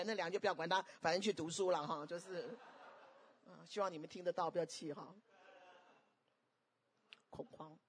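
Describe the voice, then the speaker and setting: A woman preaching a sermon, animated and constantly questioning the congregation. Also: mid-range voice, husky.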